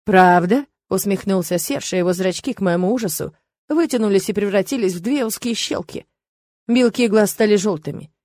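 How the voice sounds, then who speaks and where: A woman giving expressive first-person narration of a fantasy audiobook. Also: mid-range voice, fairly quick, no echo, studio quality.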